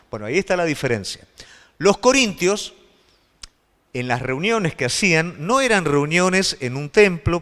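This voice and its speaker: A man with a Rioplatense Spanish accent, a pastor preaching a sermon with animated delivery and frequent rhetorical questions. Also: fairly high pitch, long reverb tail.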